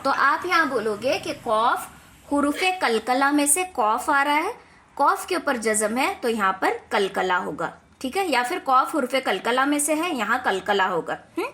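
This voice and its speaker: A woman with a fairly high voice leads an online class for children. She explains patiently step by step and keeps checking in with her students over a video call. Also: big pitch swings, normal speed, bright, forceful tone. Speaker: online Quran teacher for children.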